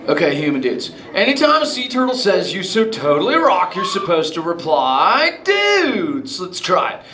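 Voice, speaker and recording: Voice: medium pitch, huge pitch swings, moderate pace. A performer voicing a laid-back surfer-dude male sea turtle who chats with a live audience in drawling surfer slang, playful and teasing. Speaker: live show character talking with audience. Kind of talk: improvised live audience interaction. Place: indoor theater with live audience. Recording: echoey theater with loud crowd noise.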